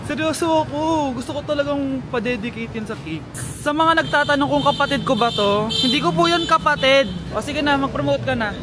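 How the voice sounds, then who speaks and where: A woman acting out comedy skits in a loud, playful, exaggerated scolding manner. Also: high-pitched, fairly quick, a crowd in the background, noisy background. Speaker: comedy skit creator. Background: background music.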